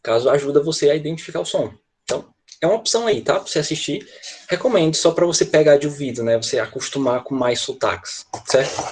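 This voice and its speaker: A man's voice: fairly high pitch, lively intonation, quick pace, breathy edge. A Brazilian man teaching English in an online class, explaining step by step and checking in with his students often.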